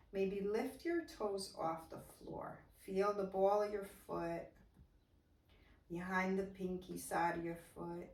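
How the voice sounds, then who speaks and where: Woman leading yoga slowly, low-ish voice, kinda far from the mic in an echoey room. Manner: slow, soft-spoken breath cues. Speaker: yoga instructor. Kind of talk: guided chair yoga class. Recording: roomy echo, voice away from mic.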